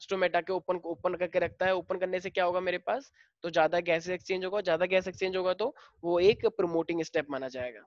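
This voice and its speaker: Man, Indian accent, classroom teacher, dictates notes slowly, dull dry sound. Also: high voice, fairly even intonation, no echo. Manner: explains in Hindi mixed with slow dictated English lines. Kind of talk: classroom biology lesson.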